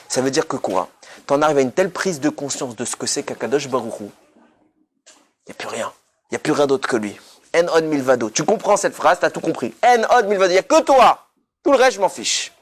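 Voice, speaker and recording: A man's voice: medium pitch, a little hiss or hum. A man giving a passionate sermon, emphatic and sprinkling in Hebrew terms. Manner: emphatic, rising to near shouts; mixes Hebrew terms into casual speech. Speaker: rabbi giving a weekly Torah talk.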